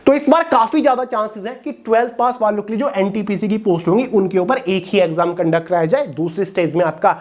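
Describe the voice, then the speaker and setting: A woman's voice: medium pitch, fast talker, hardly any pauses, darkish tone. Woman explaining exam updates to students. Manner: direct, checks in with listeners often. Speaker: exam coaching educator. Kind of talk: explanatory talk to exam aspirants.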